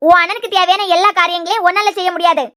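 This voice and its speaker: A woman's voice: very high-pitched, fairly even intonation, very fast, pushed and bright, dry recording, clean studio sound. A woman voicing a stern mother in a cartoon, giving firm orders in a Kanyakumari Tamil accent. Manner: firm, commanding. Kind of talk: cartoon voice acting.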